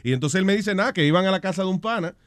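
A Puerto Rican man hosts a radio talk show, joking loosely and tossing in English words. His pitch runs a bit high and swings widely as he tells stories. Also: racing, no room sound, studio quality. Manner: joking, animated, mixing in English. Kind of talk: casual talk radio banter.

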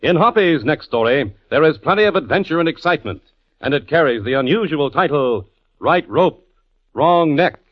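A man's voice: on the high side, expressive, normal speed. A man reading scripted announcements as a 1950s radio announcer. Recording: muffled old 1950s radio recording. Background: orchestral music.

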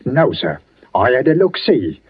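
An actor playing a superstitious working-class village greengrocer, deferential and folksy, in 1940s radio drama. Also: male voice, mid-range voice, sing-song, a little slow, noisy background. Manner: folksy, deferential, dropped grammar. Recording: dull old radio broadcast.

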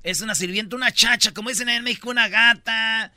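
A Mexican man hosts a casual commentary on viral videos, and his voice is high and very bright. He talks animatedly in slang, and his dry, close recording has no room sound. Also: fast, dry recording. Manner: animated, slangy, acts out quotes. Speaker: host.

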